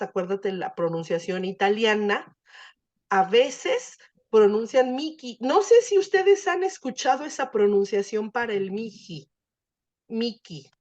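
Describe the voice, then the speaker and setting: A woman's voice: medium pitch, expressive, a little slow, darkish tone, lo-fi sound. A woman teacher explaining Latin grammar in an online class, patient and full of fillers.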